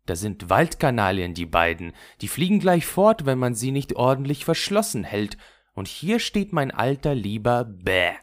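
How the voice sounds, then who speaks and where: A man's voice: mid-range voice, big pitch swings, moderate pace, natural voice. A man voicing a wild, bossy little robber girl in a fairy tale, with a fierce, teasing manner.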